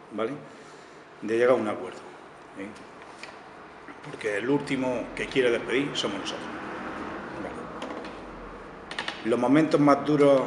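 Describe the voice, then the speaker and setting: A man's voice: medium pitch, slight background noise. A man, a town councillor giving a press conference statement, earnest and tagging his sentences with little checks. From Spain. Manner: tags sentences with "vale" and "eh", earnest. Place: town hall press room. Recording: echoey hall with long reverb, faint ambience.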